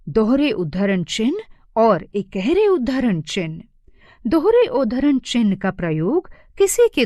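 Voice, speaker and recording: A woman teacher voices a children's cartoon lesson. She talks slowly and carefully, with a pitch that rises and falls a lot as she stresses each example. The sound is close and dry. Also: warm tone, no echo. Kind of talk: scripted narration of an animated grammar lesson for children.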